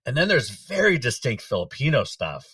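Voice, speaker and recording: A middle-aged man hosting a podcast, chatting in a relaxed way, laughing often and letting sentences trail off. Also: mid-range voice, moderate pace, no echo, distant mic. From United States. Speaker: podcast host. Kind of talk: casual conversation.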